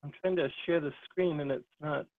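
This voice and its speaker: A man's voice: fairly high pitch, steady tone. Man on a dropping video-call stream. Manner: halting, with many ums and restarts. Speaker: remote presenter. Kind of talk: technical talk over a video call. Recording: dry, tinny video-call line.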